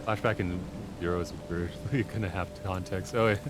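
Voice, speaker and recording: Male game streamer: low voice, casual live chat, game music clearly behind. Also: steady tone, moderate pace.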